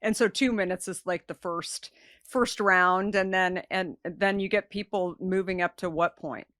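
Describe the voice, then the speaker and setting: A woman with a somewhat low voice hosts an interview show. She asks loose, rambling questions with eager enthusiasm. Her voice is recorded close and dry. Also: steady tone, unhurried, fairly bright tone, no echo. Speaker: podcast host. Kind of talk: interview conversation.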